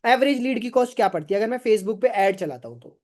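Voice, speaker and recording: A man teaches a live online sales session in a fairly high voice. He drives his points home with emphatic rhetorical questions. He keeps pushing viewers to type their answers in the chat. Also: expressive, fast, darkish tone. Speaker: sales trainer.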